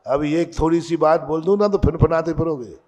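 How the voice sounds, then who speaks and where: A man preaching a sermon as a monk, slow and emphatic, putting questions to his audience. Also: on the high side, darkish tone, in a large hall.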